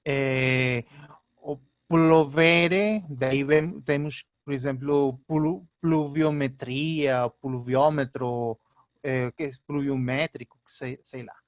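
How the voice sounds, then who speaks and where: Slow, halting professor. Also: male voice, medium pitch, steady tone, no room sound. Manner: halting, with frequent fillers and "ok?" checks. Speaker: linguistics professor. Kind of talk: lecture explaining slides.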